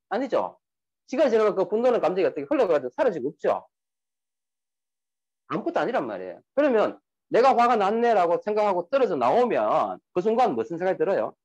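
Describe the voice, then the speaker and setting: A man giving a motivational seminar talk who keeps asking his audience questions. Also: high voice. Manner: lively, asks the audience questions. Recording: muffled lo-fi recording.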